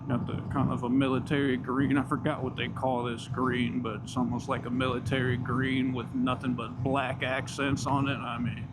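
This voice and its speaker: Male motovlogger, casual and slangy, mid-pitched, talking mid-ride under very loud engine and road noise. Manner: laid-back slangy enthusiasm; talking while riding a motorcycle. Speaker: motorcycle vlogger. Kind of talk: casual riding commentary. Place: outdoors on a moving motorcycle.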